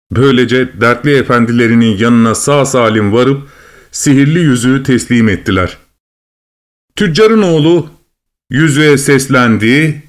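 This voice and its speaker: A man reading a fairy tale aloud at a medium pitch. His narration is measured and expressive, paced like a storybook.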